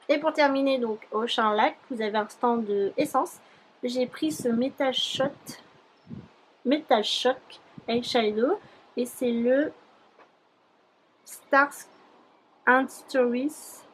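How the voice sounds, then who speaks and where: A young woman chats her way through a beauty haul, her voice sitting a little high. She rambles easily, filling pauses with hesitations. A faint noise hangs under the recording. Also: low-quality recording. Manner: chatty, rambling with many fillers. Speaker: beauty YouTuber. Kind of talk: casual haul vlog.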